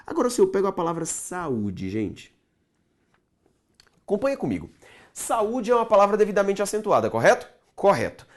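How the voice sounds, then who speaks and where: Male Brazilian teacher, very animated intonation, direct to camera, stretches key words slowly. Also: high voice. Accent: Brazilian Portuguese. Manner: addresses viewers directly, checks understanding often. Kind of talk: online grammar lesson.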